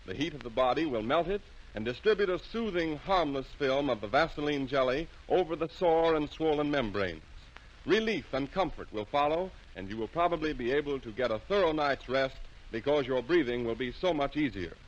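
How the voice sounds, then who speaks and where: A man with an American accent reads scripted sponsor announcements in a formal, measured, carefully enunciated 1940s radio style. His voice is medium in pitch with lively intonation, heard on a muffled vintage broadcast.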